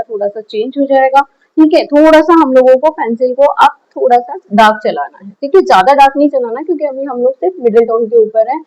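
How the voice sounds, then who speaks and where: A woman's voice: high-pitched, darkish tone, highs cut off. A woman teaching a shading lesson step by step, patiently asking the class questions and answering them herself. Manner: frequent checks like "clear?". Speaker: drawing teacher.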